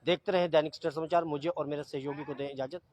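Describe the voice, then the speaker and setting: A man reporting from the scene as a news reporter, speaking in a formal, measured way. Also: fairly high pitch, steady tone, a little mellow. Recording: dull, lo-fi field audio.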